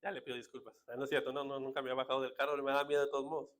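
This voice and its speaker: A man's voice: medium pitch, flat delivery, very fast. A man with a northern Mexican accent preaching a sermon as a pastor, in a casual, joking way full of rhetorical asides. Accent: northern Mexican Spanish.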